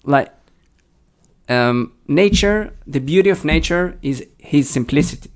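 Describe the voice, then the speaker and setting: Co-hosting a laid-back podcast, a young man with a Hebrew accent touched by British English speaks in a slightly high, lively voice at a somewhat slow pace. He is thoughtful but hesitant, and he keeps restarting what he says.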